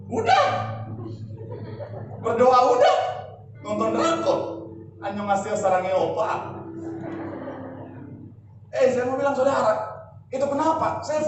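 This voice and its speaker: Pastor guy preaching, high voice, big echoey church hall, faint hiss, recorded from far off. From Indonesia. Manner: emphatic preaching with rhetorical questions. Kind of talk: sermon.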